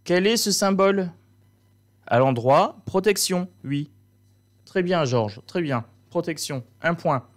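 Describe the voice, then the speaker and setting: A man's voice: high-pitched, lively intonation, takes it slowly. Mock-stern man playing teacher. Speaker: host. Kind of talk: comic teacher role-play.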